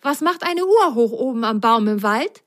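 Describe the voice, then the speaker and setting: A woman's voice: fairly high pitch, animated, normal speed, a bit bright, pitched above the performer's own voice. A woman voicing a curious, timid little sock in a children's story, eager and easily worried. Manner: eager and fretful.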